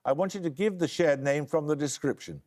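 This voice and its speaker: A man hosting a quiz show, reading questions crisply and giving dry, wry introductions. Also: on the high side, a little fast, darkish tone. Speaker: quizmaster.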